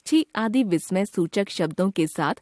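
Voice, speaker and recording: A woman reading a scripted grammar lesson for children in a clear, measured way. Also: mid-range voice, lively intonation, darkish tone, no echo, clean studio sound. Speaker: grammar teacher.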